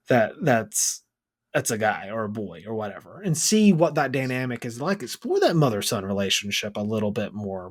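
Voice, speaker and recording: A man co-hosting a movie podcast in casual chat, rambling and playful with many fillers. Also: mid-range voice. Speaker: podcast co-host.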